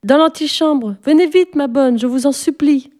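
A woman reading a storybook aloud and voicing an excited, headstrong little girl in a raised voice. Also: high-pitched, normal speed, voice pushed up, close to an everyday voice. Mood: eager. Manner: excited, pleading.

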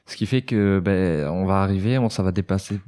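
A man on a radio panel, speaking earnestly and haltingly, repeating words as he searches for them. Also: sits low, mellow. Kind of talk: casual panel talk.

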